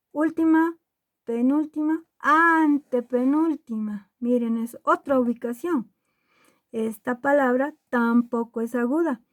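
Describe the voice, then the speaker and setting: A woman teacher explaining a grammar rule to children, drawing words out slowly and asking the class checking questions. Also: fairly high pitch, warm tone, no echo. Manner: slow, deliberate, spells words out syllable by syllable. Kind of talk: classroom lesson.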